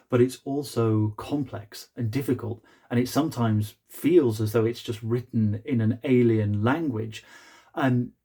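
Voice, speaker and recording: Deliberate, husky-voiced man coaching actors. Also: mid-range voice, dark tone. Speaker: acting coach presenting a video series. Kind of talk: scripted talk to camera promoting acting lessons.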